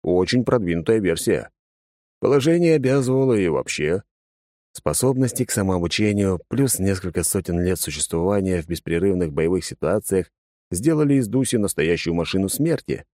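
A man's voice: low voice, animated, moderate pace, warm tone, no echo, clean studio sound. A man narrating a first-person audiobook in a wry, conversational way, with casual swearing.

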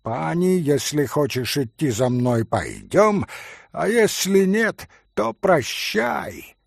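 A haughty little foreign gentleman, as a man puts him on, stiff and formal, picking through broken phrases slowly in a gravelly voice. the sound is dry and close. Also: a little high, big pitch swings, no room sound, full character voice. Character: pompous small foreign gentleman, offended.

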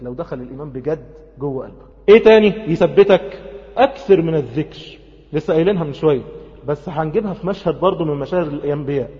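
A man preaching a sermon in Egyptian Arabic, lively, swinging between loud urging and soft, close tones, acting out the scenes he tells. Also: a little high, big-room sound, muffled recording.

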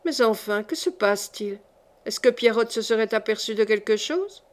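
A woman's voice: a little high, moderate pace, close to an everyday voice. A woman reading the part of an earnest young man in an audiobook, pressing with incredulous questions. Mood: questioning.

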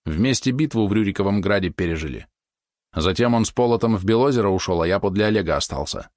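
Man doing a quietly moved young warrior. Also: fairly low pitch, expressive, fast, no room sound, clean studio sound, lightly acted. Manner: quiet, restrained.

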